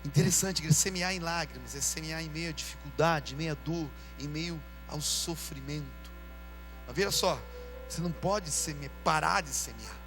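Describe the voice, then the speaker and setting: A man preaching a sermon as pastor, in a casual, slangy way, calling out to his church and shouting when he acts out people. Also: on the high side, moderate pace, over music, low-quality recording. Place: church service with music behind.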